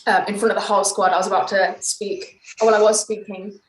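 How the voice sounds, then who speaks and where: A woman's voice: mid-range voice, flat delivery, fast. Chatty young English woman, echoey room. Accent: East Midlands English. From England, East Midlands. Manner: chatty, laughs often, many ums. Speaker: footballer, guest. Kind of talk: casual chat on a video call. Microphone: video call.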